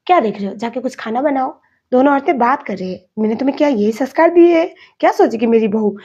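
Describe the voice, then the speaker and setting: A woman voicing a bossy middle-aged aunt who chides loudly, on a dull lo-fi recording. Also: on the high side, expressive, quick pace, husky. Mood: scolding. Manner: loud, chiding. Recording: lo-fi dull sound.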